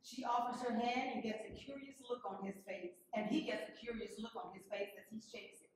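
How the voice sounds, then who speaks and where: Casting: female narrator, slightly high pitch, reading stage directions, heavily echoing and distant. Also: a little fast. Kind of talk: scripted narration. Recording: very echoey room, distant mic, faint noise.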